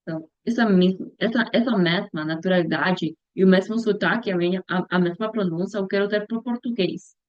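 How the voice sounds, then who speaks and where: A young woman muses through a casual vlog in a slow, hesitant voice. She pauses often, hunts for words, and restarts her phrases mid-sentence. The recording is dry and slightly muffled, with no room echo and a dull, lo-fi edge. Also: medium pitch. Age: young adult. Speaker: future missionary practicing a language. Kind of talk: casual reflective vlog monologue.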